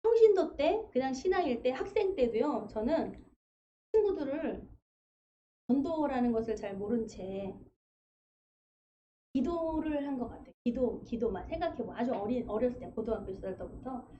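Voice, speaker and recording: High-voiced woman pastor preaching. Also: normal speed, lo-fi sound, slight background noise. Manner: conversational, animated storytelling with acted quotes. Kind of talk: sermon. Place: church sanctuary.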